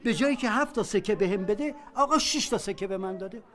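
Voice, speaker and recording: An indignant market customer who keeps insisting he was shortchanged. His voice sits high and his tone stays accusing throughout this period film. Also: a bit bright. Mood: pleading.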